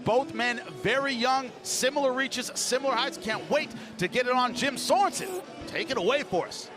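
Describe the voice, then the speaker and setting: A man's voice: very high-pitched, lively intonation, normal speed, music in the background. A man hosting a live boxing broadcast with fight preview commentary. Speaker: broadcast host.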